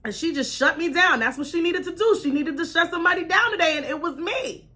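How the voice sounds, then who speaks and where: Hosting her own talk show, a high-voiced woman with a bright tone tells animated personal stories to an online audience, talking fast and chattily. She performs the dialogue expressively and keeps checking in with listeners, often with a quick "right?"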